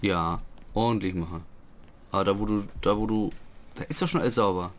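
A man's voice: lowish voice, fairly quick. A man doing casual commentary as he plays a video game. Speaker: let's player.

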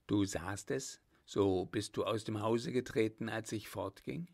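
A man's voice: fairly low pitch, a little slow, vocal fry, a little mellow, slightly rough, heavily acted. A man voicing a brave, ardent young male lieutenant with a firm, earnest manner. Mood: tender.

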